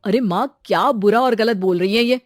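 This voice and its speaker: An earnest young suitor voiced by a woman in a cartoon drama, reasonable and explaining. The voice sits at a middle female pitch, recorded dry and close. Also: moderate pace, no room sound, close to an everyday voice. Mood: arguing. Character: earnest, reasonable young man seeking a bride.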